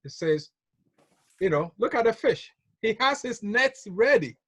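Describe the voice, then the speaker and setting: A man's voice: high-pitched, animated, unhurried, fairly bright tone, slightly rough, dry recording. A man from Ghana giving a motivational business talk on a call, telling stories, repeating key phrases and chuckling often. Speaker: business trainer.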